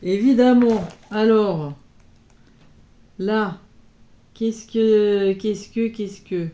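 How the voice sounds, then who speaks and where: Slow, mellow-voiced woman vlogger. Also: mid-range voice, fairly even intonation. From France. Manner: chatty, punctuated with little interjections. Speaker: embroidery vlogger. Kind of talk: casual show-and-tell chat.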